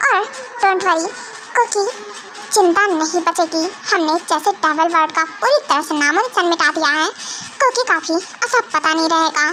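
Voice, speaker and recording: A woman's voice: very high voice, moderate pace, sharp tone, voice pushed down, poor audio. A young woman doing an obedient male henchman. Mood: eager. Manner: reassuring, obedient. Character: loyal male henchman, eager to obey. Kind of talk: amateur Hindi fan dub. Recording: music playing under the voice.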